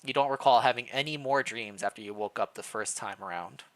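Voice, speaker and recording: Reading fan fiction out loud on a casual stream, the streamer keeps a brisk pace in a mid-range voice. There's plenty of playful commentary, and the occasional stumble over the text.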